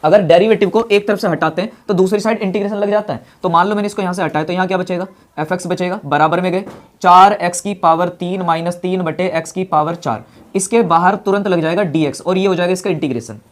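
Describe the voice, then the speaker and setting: A man's voice: high-pitched, fast talker. A man teaching a maths lesson. He asks questions aloud and answers them himself, repeats key steps, and calls his students brother in a friendly way.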